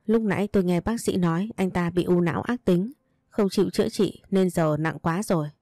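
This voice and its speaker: A woman voicing a calm, steady young man. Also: lowish voice, fairly quick, no echo, lightly acted. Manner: calm, reassuring, a bit stubborn.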